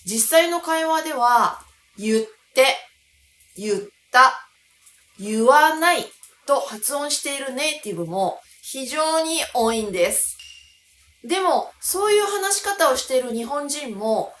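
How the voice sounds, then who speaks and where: Slow, clear Japanese woman teacher. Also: sits high, lively intonation, reverberant. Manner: clear, deliberate teaching delivery. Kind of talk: scripted language lesson.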